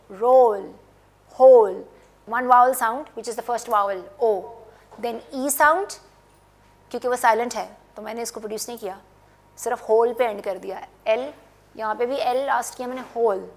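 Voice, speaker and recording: Fairly high-voiced woman teaching phonics. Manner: drawn-out, emphatic word repetition. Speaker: English teacher. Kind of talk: classroom phonics lesson.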